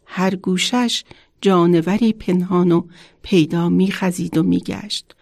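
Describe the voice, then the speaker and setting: A woman children's author reading her own story aloud in a measured, expressive storytelling manner. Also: fairly low pitch, vocal fry, no echo, studio quality.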